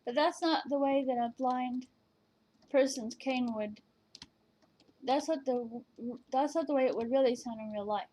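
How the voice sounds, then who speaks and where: A woman's voice: high voice, a little slow, warm tone. A woman casually chatting at home at her computer, rambling and hesitant, with many fillers and restarts. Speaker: vlogger reviewing virtual canes. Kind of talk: casual chat.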